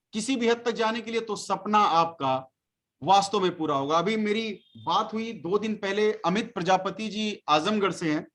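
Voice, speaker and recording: A man who leads a network marketing team gives a motivational speech to a meeting. He exhorts and scolds his listeners with a stream of rhetorical questions. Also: high voice.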